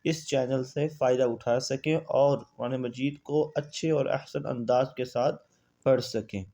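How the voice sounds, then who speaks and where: A man teaching a Quran reading lesson, drawing out the spelling of Arabic letters in a chanting tone between brisk explanations and asking and answering his own questions. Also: mid-range voice, steady tone, vocal fry, warm tone.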